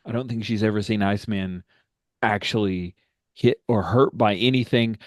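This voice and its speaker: A man's voice: lowish voice, fairly even intonation, normal speed, no room sound, studio quality. A man playing a tabletop game online, hesitant and asking questions while describing his character's actions. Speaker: player. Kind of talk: tabletop roleplaying chat.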